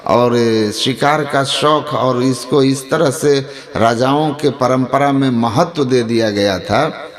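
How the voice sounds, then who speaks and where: A man who is a spiritual teacher, answering questions in a measured, explanatory way. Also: medium pitch. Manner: measured, explanatory, drawn-out phrases. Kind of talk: spiritual discourse, explaining calmly.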